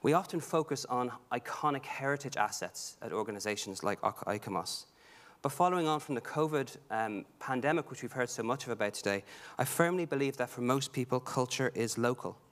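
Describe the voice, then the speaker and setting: Speaking briskly and animatedly, this man's voice is medium-pitched and fairly bright. He's from Ireland, with a Dublin accent, presenting an earnest prepared conference talk in a big hall, with plenty of ums and restarts along the way.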